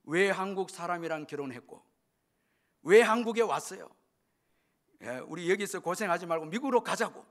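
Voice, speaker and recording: A man's voice: on the high side, normal speed, natural voice. A pastor voicing a sobbing, pleading young boy. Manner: pleading, reproachful. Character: upset young boy sobbing at his mother.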